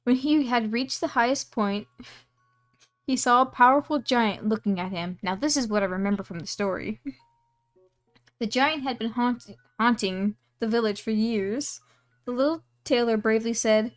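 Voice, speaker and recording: A woman's voice: a little high, normal speed. A woman streamer casually reading a storybook aloud, giggling and adding asides on the text.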